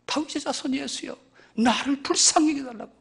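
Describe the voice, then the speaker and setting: A man preaching while voicing a desperate blind man crying out for mercy in drawn-out, pleading calls. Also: extremely high pitch, gravelly, a bit bright, exaggerated voice.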